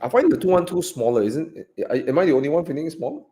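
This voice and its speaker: A man with a Malaysian English accent co-hosting a live car Q&A in relaxed, chatty talk that trails off softly. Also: a little high, very fast, a little hiss or hum. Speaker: co-host of a car buying Q&A. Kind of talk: live stream casual chat.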